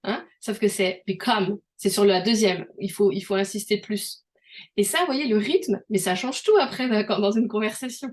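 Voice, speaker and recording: A woman's voice: mid-range voice, moderate pace, a little mellow. A young French woman co-hosting a podcast, giving casual advice in a chatty way with many fillers and restarts. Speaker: podcast co-host.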